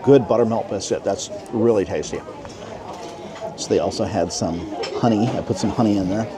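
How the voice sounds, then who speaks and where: A man in his forties filming a casual vlog on a handheld phone, chatty and upbeat as he talks to his viewers. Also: on the low side. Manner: upbeat, chatty, tells the viewers what he sees. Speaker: travel and food vlogger. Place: outside a restaurant at night, then inside a diner. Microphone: handheld phone camera at arm's length.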